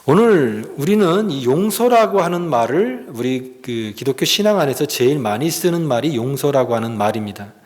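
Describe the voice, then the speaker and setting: A man's voice: medium pitch, expressive, normal speed, hardly any pauses, darkish tone. A man preaching a sermon as pastor, earnest and emphatic, often putting questions to the congregation. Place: church sanctuary. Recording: long reverb of a church hall.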